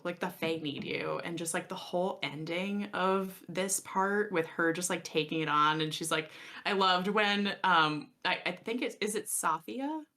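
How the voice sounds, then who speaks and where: A woman with a lowish voice and a bright, forceful tone co-hosts a book discussion podcast. She talks casually, full of fillers, and acts out what the characters said. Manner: gushing, filler-heavy, quotes characters in an animated voice. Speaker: podcast co-host.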